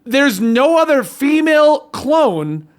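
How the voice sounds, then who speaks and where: A man's voice: very high voice, big pitch swings, slow. A man co-hosting a casual pop-culture discussion, explaining his opinions in a chatty, rambling way. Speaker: show co-host.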